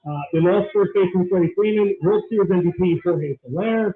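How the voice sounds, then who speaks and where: Man, sports radio host, high voice, rambling banter, tinny phone-line sound. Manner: rambling, quick banter with laughs. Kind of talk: casual sports talk.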